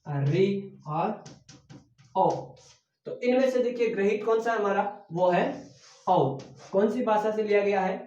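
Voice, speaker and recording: A male teacher with a high voice gives an exam-prep lecture and keeps echoing his own questions back to the class. He sounds set back from the mic, and the recording is dull and roomy. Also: a little mellow. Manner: repeats key words as questions to the class. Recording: echoey room, voice from a distance, dull sound.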